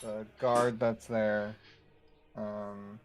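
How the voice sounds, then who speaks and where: A man's voice: on the low side, little pitch movement, extremely slow. Hesitant man playing a tabletop game. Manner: hesitant, stammering. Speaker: player.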